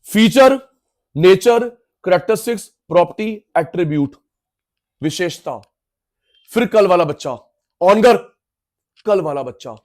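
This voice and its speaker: High-pitched male teacher, lecture style, repetitive drilling, playful asides to students. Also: animated, unhurried, long pauses, darkish tone. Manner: drills terms by repetition, addresses students directly; playful, mixes in jokes and skits. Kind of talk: classroom lecture.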